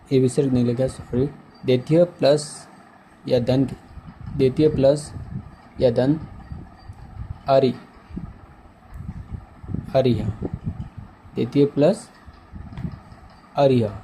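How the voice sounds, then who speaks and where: A man's voice: medium pitch, warm tone, slight background noise, low-quality recording. A man teaching a grammar lesson, who repeats each word and keeps asking his students questions. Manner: slow, repeats words and asks the class questions. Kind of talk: slow, repetitive grammar lesson.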